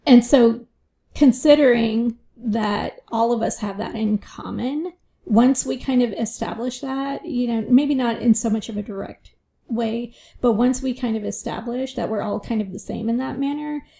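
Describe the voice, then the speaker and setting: A woman financial advisor with a fairly high, creaky, warm voice answers interview questions at normal speed. She's reflective, often tacking on "you know" and "right?"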